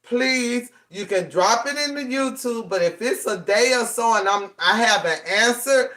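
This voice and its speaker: Bright, high-voiced man with a country drawl. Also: a little slow. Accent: Southern US country. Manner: rural drawl; emphatic, repeats key instructions. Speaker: craft tutorial host. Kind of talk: casual livestream craft demonstration.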